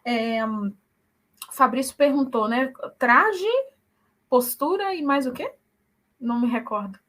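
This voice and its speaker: Bright high-voiced woman, earnest. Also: animated, slow. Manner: earnest, frequent tag questions. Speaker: guest, church singer. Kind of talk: conversational interview.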